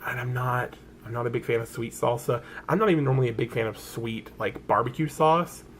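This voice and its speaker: A chatty man with a light Southern American drawl talks through a haul in an easygoing, rambling way. He stumbles over words and corrects himself as he goes. His pitch sits in a middling range, with a faint hiss of background noise. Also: fairly quick. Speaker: vlogger. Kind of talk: casual product haul chat.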